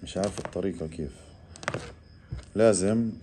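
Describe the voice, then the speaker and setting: A man, casually explaining to viewers while calmly coaxing an animal, often in a hushed voice. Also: sits low, normal speed, slight background noise. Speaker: reptile keeper vlogger. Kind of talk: casual handheld animal vlog.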